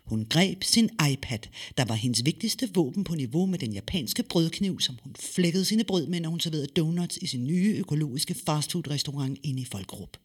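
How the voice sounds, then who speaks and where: Husky guy narrating a story, lively, plays with his pitch, dramatic pauses. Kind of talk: storytelling audiobook reading.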